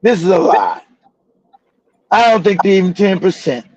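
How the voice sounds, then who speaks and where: A man's voice: high-pitched, moderate pace, a little mellow, dry recording, highs cut off. A man hosting a livestream talk show, delivering fiery, profane, repetitive commentary. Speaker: show host.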